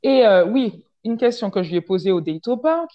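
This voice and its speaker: A woman telling a dating story in casual chat, lively and full of fillers, acting out what people said. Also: mid-range voice, brisk. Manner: animated, acts out quoted lines, many fillers. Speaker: podcast storyteller. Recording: dull lo-fi sound.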